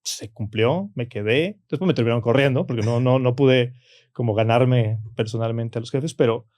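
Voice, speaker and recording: A man with a Mexican Spanish accent, telling personal stories in a relaxed talk and tagging his phrases with "¿no?" and "o sea". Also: medium pitch, normal speed, no room sound. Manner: frequent "¿no?" and "o sea" tags, acts out quoted voices. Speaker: podcast guest. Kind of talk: casual conversational storytelling.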